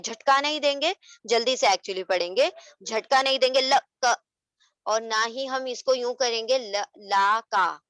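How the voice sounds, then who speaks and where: Patient woman teacher, her voice set a touch high, explaining recitation step by step. The sound is close and dry, with no room around it. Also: fairly bright tone, no echo. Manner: patient, corrective, mixes English into Hindi-Urdu. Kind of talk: online tajweed lesson.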